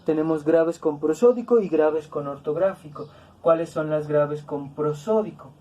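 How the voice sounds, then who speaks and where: A woman teaching a grammar lesson, speaking slowly and deliberately, repeating words to stress each syllable. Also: deep voice, warm tone, muffled recording. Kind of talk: classroom-style grammar lesson.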